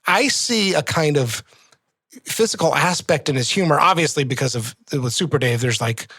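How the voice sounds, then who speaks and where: Enthusiastic podcast host, slightly high voice. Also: male voice, animated, moderate pace, sharp tone, slightly rough, no room sound. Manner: enthusiastic, laughs often. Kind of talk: casual chat.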